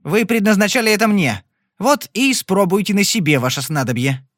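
A man voicing a cool, sarcastic young male cardsharp in a Western audiobook, smooth-talking and mocking. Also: sits high, expressive, brisk, a bit bright, no echo, clean studio sound, voice pushed up.

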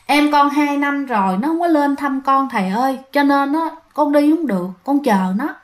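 A woman storyteller doing a meek old grandmother's ghost in a spoken ghost story, soft and pleading, a touch higher than the teller's own talk. The old spirit begs gently and will not leave. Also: expressive, normal speed, reverberant.

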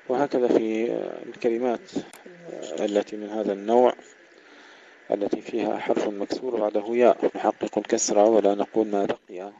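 A man teaching Quran recitation, explaining pronunciation briskly and precisely and sounding out each example. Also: fairly low pitch, dark tone, dull audio, slight background noise.

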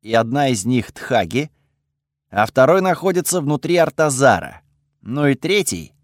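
Lively first-person audiobook narrator man. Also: mid-range voice, normal speed, no echo, clean studio sound.

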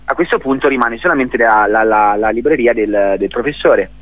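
In a spontaneous radio interview, a theatre director from Italy talks haltingly, circling back over words as he looks for how to say things. The mid-range voice carries no room sound, and the recording is narrow and tinny.

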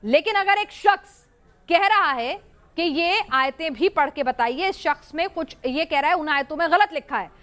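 A woman's voice: sits high, animated, fairly bright tone. A woman anchoring a heated televised debate, pressing her guests insistently and repeating words to cut in.

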